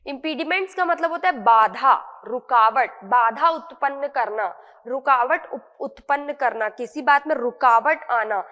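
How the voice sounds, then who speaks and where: A woman's voice: sits high, unhurried, bright, forceful tone, big-room sound. A woman with an Indian accent teaching English vocabulary in an online lesson, repeating words and checking in with her students often.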